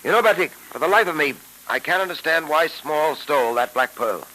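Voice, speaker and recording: Fast-talking Dick Tracy, old radio detective. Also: male voice, fairly high pitch, animated, sharp tone, rough recording. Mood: matter-of-fact. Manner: crisp, clipped, authoritative. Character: brisk, principled police detective hero, stoic and fair. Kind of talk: 1940s radio drama acting. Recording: vintage radio recording.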